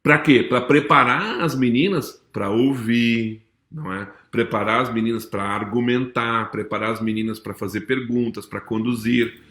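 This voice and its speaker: An emphatic man lectures a corporate audience live, stacking repeated phrases and tag questions. His voice sits at an average pitch and carries a roomy echo. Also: fairly even intonation, normal speed, fairly bright tone. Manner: emphatic, repeats phrases, tags lines with "certo?" and "não é?". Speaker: motivational speaker and business consultant. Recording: echoey room.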